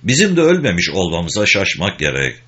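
A small, wry English soldier speaks bluntly and without sentiment, as a man puts him on in a storybook reading. His voice sits low. The recording is dull and lo-fi. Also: huge pitch swings, brisk, bright, forceful tone, full character voice. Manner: blunt, matter-of-fact.

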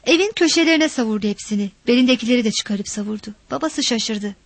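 A woman reading a story aloud with expressive, dramatic narration. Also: fairly high pitch, quick pace, dry recording.

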